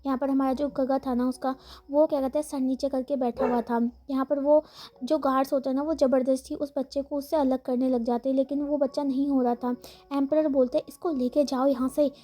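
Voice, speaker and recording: A woman's voice: high-pitched, level tone, a little fast, warm tone. A woman casually narrating a fan fiction story, rambling with lots of fillers and English words mixed in. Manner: rambling, frequent fillers, mixes English words into her speech. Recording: faint music behind the voice.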